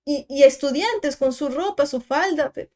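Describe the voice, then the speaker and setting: A young woman, her voice sitting a little high. She talks straight to her viewers in a casual storytime monologue. She is emphatic and chatty, and keeps adding asides and little tag questions. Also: measured pace, darkish tone. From Peru. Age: 20s. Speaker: content creator.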